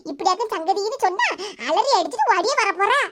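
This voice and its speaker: A woman's voice: very high voice, lively intonation, fast talker, noisy background. A woman doing a bossy bald old busybody with a Kanyakumari accent. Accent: Kanyakumari Tamil. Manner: bossy, scolding.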